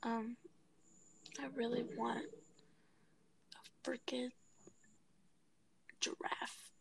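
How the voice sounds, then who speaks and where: A woman's voice: fairly high pitch, flat delivery, drawn-out words, creaky, noisy background. A young woman co-hosting a casual podcast, sassy and giggly, sometimes dropping into a whisper. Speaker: podcast co-host. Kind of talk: casual chat.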